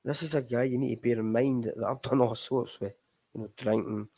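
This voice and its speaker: Middle-aged Scottish man, recovery show host, gravelly and low-toned, loose candid ramble. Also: fairly even intonation, a little fast, dark tone, poor audio. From Scotland. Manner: candid, rambling, addresses listeners as folks. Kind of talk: casual live chat.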